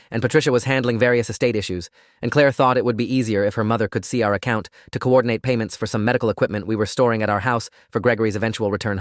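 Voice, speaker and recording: A man narrating a scripted first-person story in a steady, even reading voice. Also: fairly low pitch, dry recording, studio quality.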